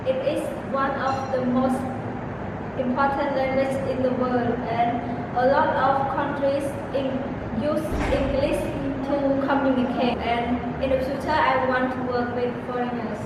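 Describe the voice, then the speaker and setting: Young woman, Cambodian accent, native Khmer, student interviewee; high and unhurried, busy noisy surroundings. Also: fairly even intonation. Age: young adult. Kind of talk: simple answers to interview questions. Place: busy school classrooms and yard. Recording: noisy school, crowd and traffic behind.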